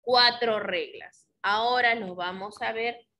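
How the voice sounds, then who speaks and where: Slow, bright-voiced Peruvian teacher woman. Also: fairly high pitch. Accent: Peruvian Spanish. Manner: slow, patient, asks the class questions. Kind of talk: classroom lesson. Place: classroom.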